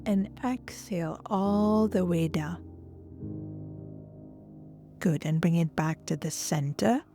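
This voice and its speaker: Speaking slowly in a lowish voice, a woman leads guided relaxation and breathwork as a yoga instructor, with soft music behind her. Her gentle, soothing delivery often fades into a breathy near-whisper.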